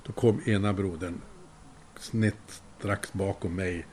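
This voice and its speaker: A man's voice: deep voice, steady tone, darkish tone, a little hiss or hum. An older man telling a casual anecdote, chuckling now and then and acting out the voices of the people he quotes. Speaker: storyteller.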